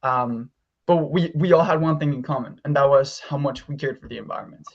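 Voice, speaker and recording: A man's voice: on the high side, a little fast, highs cut off. A young man from Mexico, a youth delegate, speaking earnestly with frequent ums over a video call. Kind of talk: online presentation.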